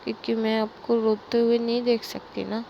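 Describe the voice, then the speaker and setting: Woman voicing young woman, tender, clingy; gentle and unhurried, gravelly edge. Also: a little high, completely flat delivery, lo-fi sound, a little hiss or hum.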